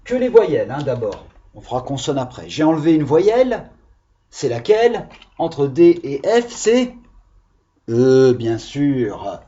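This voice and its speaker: A man's voice: on the high side, sing-song, moderate pace, warm tone, muffled recording. A man teaching the alphabet to young children in a classroom, patient and encouraging.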